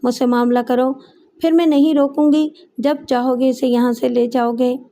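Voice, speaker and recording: A woman voicing a suspicious, sharp-tongued middle-aged mother who scolds and threatens in an audiobook story. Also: high-pitched, fairly even intonation, normal speed. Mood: scolding. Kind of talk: audiobook character voice.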